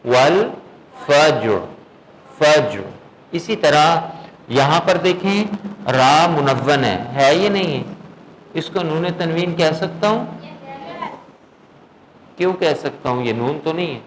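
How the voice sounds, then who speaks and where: A man teaching Quran recitation in a classroom lesson, patiently asking his students whether they follow and slowly drawing out words to demonstrate. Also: fairly high pitch, animated, slight background noise, poor audio. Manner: patient, checks understanding with frequent questions.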